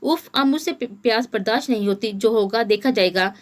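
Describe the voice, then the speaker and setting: A flustered, defiant young bride who fires off sharp questions, read by a woman narrator with a fairly high voice. Plain storybook audiobook reading. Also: moderate pace, close to an everyday voice. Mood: exasperated.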